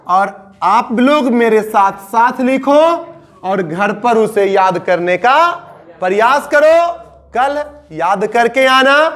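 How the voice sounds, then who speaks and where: A man with a Bihari Hindi accent leads a grammar lesson in a high, lively voice that swoops up and drops low. He talks slowly and coaxes his students, repeating each point and stretching out the word endings. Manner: coaxing, repetitive teaching with drawn-out word endings. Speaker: English grammar teacher.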